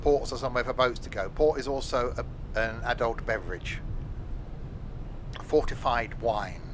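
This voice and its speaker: A man's voice: mid-range voice, normal speed, background noise. An English man giving casual, rambling, jokey live commentary while streaming a train simulator, with train game sounds behind him.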